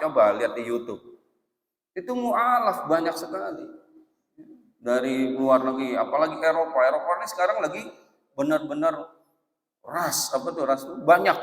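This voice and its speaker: A male preacher giving a dawn sermon, swinging between loud emphasis and soft asides and chanting verses slowly. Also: mid-range voice. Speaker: ustadz preacher. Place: mosque hall. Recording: echoey mosque hall, long reverb.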